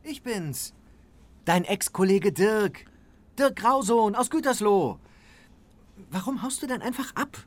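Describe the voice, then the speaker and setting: An actor playing an eager, wheedling former colleague who begs to become a superhero's sidekick. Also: male voice, very high-pitched, big pitch swings, normal speed, few pauses, breathy edge, no room sound, full character voice. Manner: whiny, wheedling. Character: pushy eager ex-colleague man, wannabe sidekick. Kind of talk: radio drama acting.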